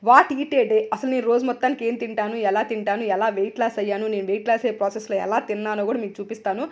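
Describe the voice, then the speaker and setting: A woman in her thirties, a wellness coach, chatting loudly and energetically in a casual vlog. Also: a little high, lo-fi sound. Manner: loud, fast, energetic chatter.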